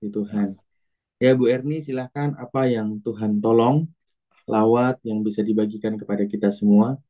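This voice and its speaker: A man's voice: fairly low pitch, fairly even intonation, normal speed, mellow. A man hosting as pastor, thanking members and inviting the next to share with brief affirming words. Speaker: pastor hosting a prayer fellowship. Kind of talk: leading a group sharing.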